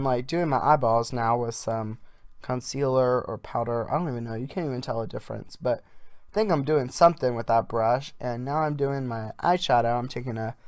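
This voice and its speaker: A man's voice: mid-range voice, clear, resonant tone, no echo, clean studio sound. A man doing a casual improvised voiceover as a makeup vlogger, rambling in an offhand, jokey way.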